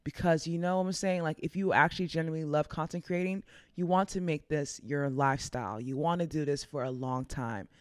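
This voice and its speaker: A woman's voice: low voice, a little mellow, dry recording. A woman content creator giving casual, upbeat advice in a chatty way, laughing often.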